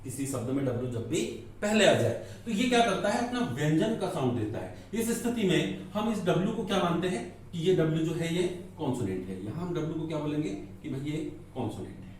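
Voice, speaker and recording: A man's voice: a little high, big pitch swings, a little fast, hardly any pauses, darkish tone, a little hiss or hum. Male grammar teacher who poses questions and answers them, recorded from a distance in a very echoey room. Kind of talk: classroom lecture explaining in Hindi.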